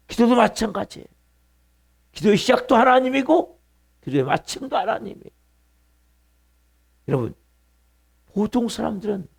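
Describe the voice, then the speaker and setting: Gravelly-voiced pastor preaching a sermon. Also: male voice, high voice. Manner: preaching with emphatic repetition and questions to the congregation. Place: church sanctuary.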